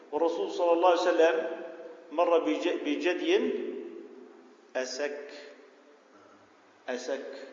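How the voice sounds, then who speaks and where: A man's voice: a little high, darkish tone. A man teaching a classroom lesson on verb forms, explaining patiently and quizzing his students, repeating their answers back to them. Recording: echoey hall, dull lo-fi sound.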